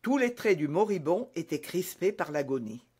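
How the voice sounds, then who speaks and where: A man reading a classic novel aloud as an easy-reading audiobook, clear and deliberate. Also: on the high side, big pitch swings, darkish tone. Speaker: narrator.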